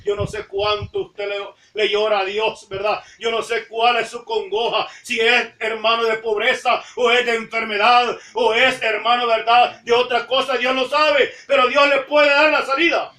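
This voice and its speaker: A woman preaching a sermon in a church, fervent, tagging nearly every phrase with a call to the congregation and rising to shouts at the high points. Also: level tone, normal speed, hardly any pauses, reverberant, recorded from a distance. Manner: fervent, repeats "hermano, ¿verdad?" after nearly every phrase; rises to shouting at emphatic points.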